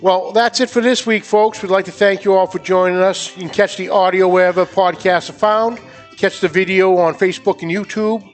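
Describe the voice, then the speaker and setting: A man with a Boston accent hosts a casual podcast, chatting and plugging the show in an upbeat way. His voice sits high for a man. Faint music plays behind him. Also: steady tone, brisk. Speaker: podcast host. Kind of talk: casual chat and show sign-off.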